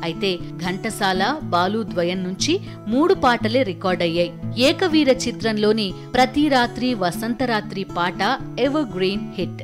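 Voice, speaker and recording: Woman narrating over loud music. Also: mid-range voice, lively intonation. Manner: measured, formal storytelling delivery. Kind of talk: scripted documentary narration.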